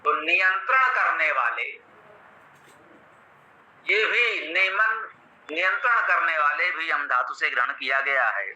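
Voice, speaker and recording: A man with a Hindi accent lectures on an old scripture in a high, very bright voice, slow and teacherly, repeating each term as he explains it. The sound is roomy and a little dull. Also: lively intonation. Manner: measured, teacherly, repeats and glosses Sanskrit terms. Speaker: Vedic scholar explaining a mantra. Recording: roomy, slightly dull recording.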